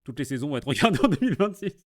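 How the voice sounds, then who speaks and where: A man's voice: fairly high pitch, very animated, very fast. A man with a Québécois accent hosting a watch party, chatting playfully and laughing often. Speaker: host. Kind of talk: casual watch-party commentary.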